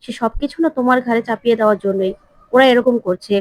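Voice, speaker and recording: A woman's voice: on the high side, quick pace, no echo, close to an everyday voice. A woman voicing a scheming young wife who urgently warns her husband, in a TV serial retelling.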